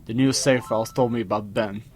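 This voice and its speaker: A man's voice: on the low side, fairly even intonation, a little fast. Man narrating a horror story over music. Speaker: creepypasta narrator. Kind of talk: scripted first-person horror story narration. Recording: music behind the voice.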